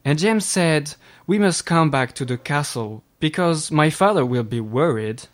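A man voicing an earnest young boy in a slow, careful read storybook. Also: on the high side, lively intonation, voice pushed up.

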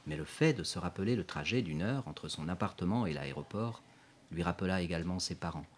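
Casting: deep husky man, calm audiobook narration.

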